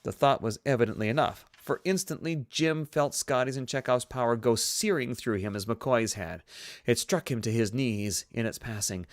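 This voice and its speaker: A male narrator reading a novel aloud at a steady pace, with the odd joking aside about his own performance. His voice sits at an ordinary middle pitch and is recorded dry, with no room echo around it. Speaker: audiobook narrator.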